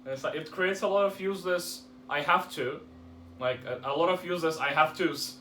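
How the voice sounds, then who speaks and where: A man's voice: a little high, a little fast, bright, forceful tone, reverberant, slight background noise. A man from Bulgaria, a guest in a casual chat, rambling with lots of fillers.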